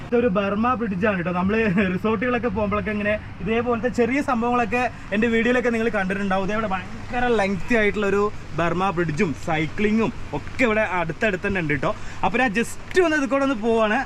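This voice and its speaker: A man's voice: fast, fairly bright tone. A man presenting a casual, enthusiastic travel vlog outdoors, mixing English words into Malayalam as he urges viewers to visit. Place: outdoor adventure park in the rain. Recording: noisy outdoor ambience with traffic-like rumble.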